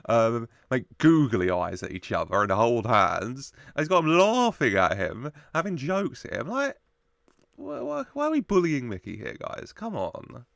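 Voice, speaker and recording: A man's voice: medium pitch, sing-song, unhurried, creaky, a bit bright, no room sound. A man giving casual, jokey reaction commentary as a show host. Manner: jokey, chuckles often while talking.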